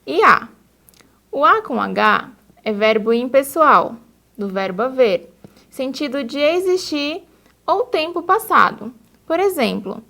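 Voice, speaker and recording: A woman reading a scripted lesson in a slow, deliberate, didactic way. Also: sits high, bright, forceful tone. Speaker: teacher.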